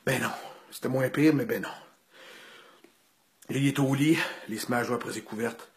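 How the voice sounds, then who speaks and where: A man with a Quebec French accent telling a casual anecdote, animated and slangy, swearing freely. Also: mid-range voice, moderate pace. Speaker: storyteller.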